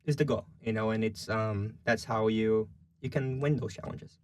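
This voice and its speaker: Speaking at a normal speed in a clean studio with no echo, this young Brazilian journalism student has a fairly low, steady, darkish voice. He answers interview questions casually in a Brazilian Portuguese accent, chatty and full of "you know" and "like."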